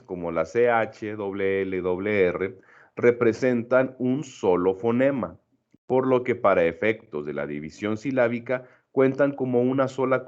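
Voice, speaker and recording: A middle-aged male teacher giving a recorded lesson, explaining patiently, checking in with his students and often correcting himself mid-sentence. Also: fairly low pitch. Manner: frequent fillers and self-corrections. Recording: dull lo-fi recording.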